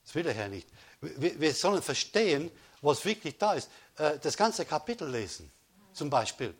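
A man giving a sermon as pastor, emphatic, with repeated calls of praise, swinging between loud declarations and hushed stresses. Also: on the high side, sing-song, moderate pace, breathy edge.

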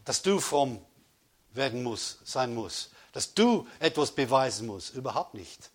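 Husky man preaching with emphatic force. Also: mid-range voice. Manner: emphatic preaching with repeated praise calls, swinging between loud and hushed. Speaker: pastor. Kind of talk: sermon.

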